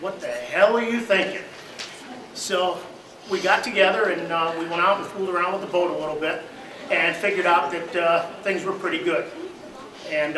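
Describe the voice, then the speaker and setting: Background noise accompanies this distant recording in a roomy hall, where a man with a high-sitting voice offers a memorial remembrance. His stories are crowded with fillers, and he gets louder when telling of the boats.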